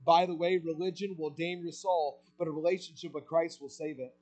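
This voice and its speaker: A man preaching a sermon with passion, asking rhetorical questions and swelling louder on key points. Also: a little high, steady tone, a little fast, soft background music, rough recording.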